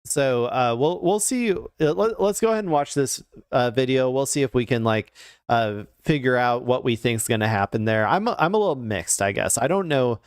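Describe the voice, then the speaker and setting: A man's voice: medium pitch, animated, moderate pace, smooth, no echo, clean studio sound. A man commenting casually on political news clips, rambling with frequent fillers and restarts.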